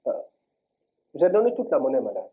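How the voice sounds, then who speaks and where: A man's voice: medium pitch, wildly swooping pitch, fairly quick. Defensive Ivorian shopkeeper man. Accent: Ivorian French. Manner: defensive, stubborn. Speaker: shopkeeper in a comedy sketch. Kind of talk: scripted comedy sketch. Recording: tinny lo-fi audio.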